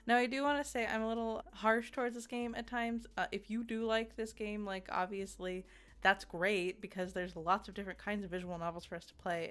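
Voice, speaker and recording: A video game reviewer and streamer gives a casual, chatty game review, rambling, cutting herself off, and giggling as she goes. Her voice is medium-pitched and a little bright, with background music playing under it.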